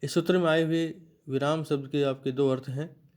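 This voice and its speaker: A man teaching Sanskrit grammar to students, explaining slowly and restating each point in a lecture style. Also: fairly high pitch, fairly even intonation, darkish tone, clean tone.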